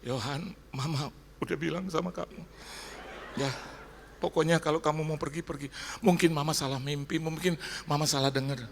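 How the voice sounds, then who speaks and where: A man voicing his worried older mother in a soft, resigned, pleading tone while telling a story in a sermon. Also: fairly high pitch, steady tone, normal speed, slight background noise, pitched above the performer's own voice, lightly acted. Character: worried older mother, a woman, urging her son to follow his heart.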